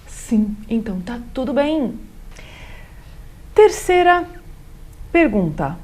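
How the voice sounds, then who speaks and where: A woman with a Brazilian Portuguese accent giving an online German lesson, explaining step by step and saying example sentences slowly. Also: mid-range voice, big pitch swings, darkish tone. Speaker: German teacher.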